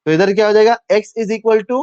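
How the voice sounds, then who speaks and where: Male maths tutor, slightly high voice, dull dry recording, walks students through steps and quizzes them. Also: steady tone, moderate pace, a little mellow, clean tone, dry recording. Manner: talks through steps aloud, asks students questions; mixes English maths terms into Hindi. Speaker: maths teacher. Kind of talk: live online maths class.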